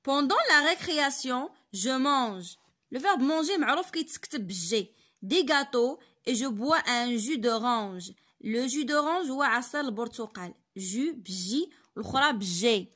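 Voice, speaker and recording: Young Moroccan woman tutor in her twenties, slightly high voice, slow read-alouds, quick asides. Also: lively intonation, bright, forceful tone. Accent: Moroccan Arabic. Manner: reads French sentences slowly, then explains them in quick Darija. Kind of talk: online French lesson explained in Darija.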